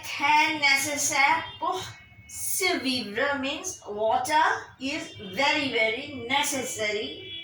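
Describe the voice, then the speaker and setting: A woman teaching a French lesson in English, spelling words letter by letter and repeating them slowly. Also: high-pitched, pushed and bright, slight background noise. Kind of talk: slow spelled-out language lesson. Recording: echoey room, heard from a distance.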